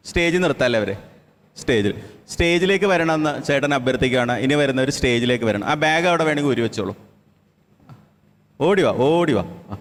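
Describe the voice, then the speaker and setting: A man's voice: medium pitch, lively intonation, brisk, slight background noise. A man running an interactive session for a children's camp. He echoes each child's answer back, encourages them and mixes English phrases into his speech. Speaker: camp trainer. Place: large indoor hall with an audience. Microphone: handheld microphone. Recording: long reverb of a large hall.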